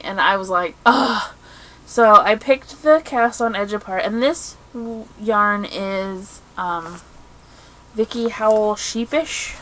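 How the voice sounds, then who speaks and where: A woman co-hosts a casual crafting podcast and tells her stories with animated exasperation. Her voice sits at an ordinary middle pitch, with a faint hiss of noise underneath. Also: poor audio. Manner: animated, exasperated storytelling with laughs. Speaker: podcast co-host. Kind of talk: casual chat.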